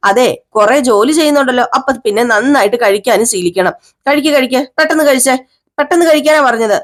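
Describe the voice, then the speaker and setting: A woman's voice: high-pitched, quick pace, natural voice. A woman voicing a caring young husband who coaxes his wife fondly and scolds her in mock sternness.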